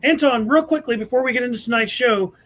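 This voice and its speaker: With a very high, slightly bright voice and a quick pace, the American host of a preparedness show introduces guests on a live broadcast. He chats in a casual, effusive manner.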